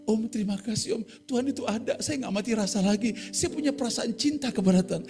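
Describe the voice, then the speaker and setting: A man's voice: very high voice, very animated, a little fast, darkish tone, voice pushed up, full character voice. A man voicing a blunt, emotional young woman from Generation Z, in slangy, pleading speech. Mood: gushing.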